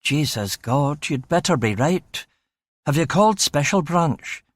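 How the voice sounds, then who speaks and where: A man's voice: a little high, lively intonation, measured pace, dry recording. A man voicing an exasperated, blustering senior police chief.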